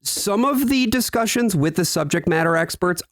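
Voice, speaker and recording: A podcast guest giving wry, analytical commentary in casual chat. His pitch moves around a lot, and the sound is dry and close. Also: lively intonation, moderate pace, no room sound.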